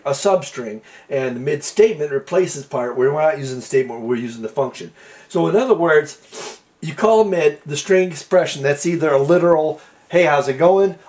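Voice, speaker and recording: A man with a fairly high voice talks through a coding lesson at his computer. His delivery is folksy and rambling, full of restarts and little fillers as he explains each line. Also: a little mellow. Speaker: programming tutorial host. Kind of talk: casual screen-recorded coding lesson.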